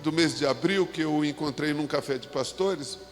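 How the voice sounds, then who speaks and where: A man with a Brazilian Portuguese accent preaching a sermon as a pastor in a church, talking in a halting way with restarts and asides. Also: fairly high pitch. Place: church sanctuary. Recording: long hall reverb.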